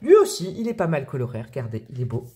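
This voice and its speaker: Bubbly french woman chatting through a tarot reading, slangy and warm to her viewers, lots of euhs. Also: rumbling low, wildly swooping pitch, fast talker, noisy background. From France. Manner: chatty, bubbly, slangy and affectionate, with many fillers. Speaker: tarot reader and channel host. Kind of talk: casual tarot reading to camera.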